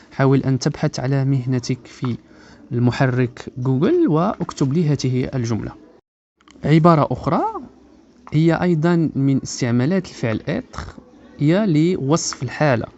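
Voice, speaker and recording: A man from Morocco teaching beginners French, stretching each model phrase out slowly and repeating it for learners to copy. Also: on the high side, warm tone, highs cut off, a little hiss or hum. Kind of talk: language lesson for beginners.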